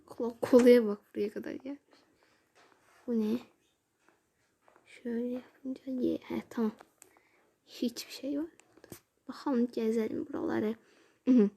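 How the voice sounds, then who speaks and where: A woman giving casual let's-play commentary as a gaming YouTuber, chatty and exclamatory, with sudden hushed asides. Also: a little high, creaky, husky.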